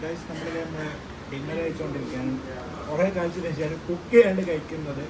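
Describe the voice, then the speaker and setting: A man's voice: a little high, fairly even intonation, a loud crowd. A man with a Kerala Malayalam accent chatting casually as a travel vlogger, dropping English words into his Malayalam. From Kerala, India. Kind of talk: casual vlog chat. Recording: noisy outdoor travel audio, rushing background noise.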